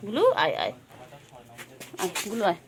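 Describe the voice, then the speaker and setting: A woman's voice: medium pitch, animated, moderate pace, background noise. A woman filming her cats at home, talking baby talk to them in a cooing, sing-song way with lots of repeated words. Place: home with pets.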